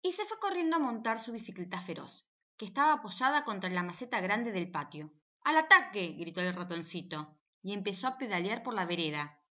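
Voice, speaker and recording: A woman narrating a children's storybook in an animated, playful way. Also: mid-range voice, fairly quick, highs cut off. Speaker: audiobook narrator.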